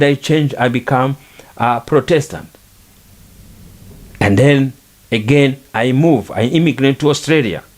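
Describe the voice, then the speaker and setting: Slow, earnest man. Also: medium pitch. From Rwanda. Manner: earnest, repetitive, preaching. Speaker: podcast speaker. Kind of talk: reflective monologue on faith and culture.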